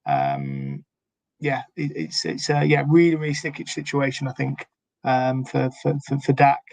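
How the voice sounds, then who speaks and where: A man's voice: mid-range voice, lively intonation, measured pace, gravelly, darkish tone, no echo. A man co-hosting a casual sports podcast chat, hesitant with many fillers and restarts. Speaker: podcast co-host.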